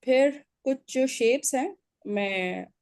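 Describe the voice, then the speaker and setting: A woman's voice: high-pitched, slow pace, darkish tone, no echo, clean studio sound. A woman teaching an Arabic grammar lecture, explaining step by step, drilling word endings aloud and checking in often with short confirmations.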